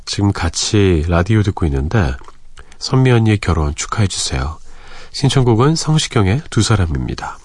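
A man in his forties hosting a late-night radio show, chatting easily and reading listener messages with soft breathy asides. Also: lowish voice, sing-song, normal speed, no room sound. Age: 40s. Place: radio studio. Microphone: close studio microphone.

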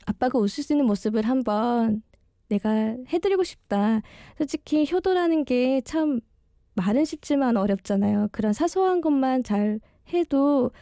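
On late-night radio, a one-day guest DJ in her early thirties, an amateur, shares a personal monologue, shy and heartfelt. Her fairly high, mellow voice carries a slight slur from the braces on her teeth. The audio is dry and of studio quality.

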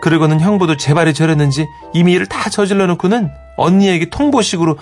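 A male radio host reading a listener's letter aloud in a lively storytelling manner. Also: high voice, quick pace, faint music behind.

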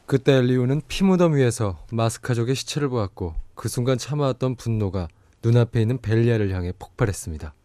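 A man narrating a dark fantasy radio drama as a grave, solemn storyteller. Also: mid-range voice, expressive, quick pace, few pauses, no echo, close to an everyday voice.

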